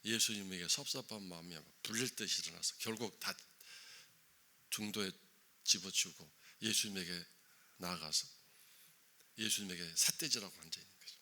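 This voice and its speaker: Forceful low-voiced Korean pastor. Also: male voice, brisk, long pauses. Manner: emphatic, rhetorical questions to the congregation. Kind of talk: sermon. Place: church, early morning service.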